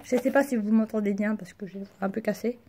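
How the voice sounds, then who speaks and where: A young woman chats casually in a vlog, halting and slangy, speaking carefully with a sore mouth after wisdom teeth removal. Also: medium pitch, fairly even intonation, warm tone, slight background noise. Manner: halting, slangy, searching for words. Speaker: vlogger. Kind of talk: casual personal storytelling to camera.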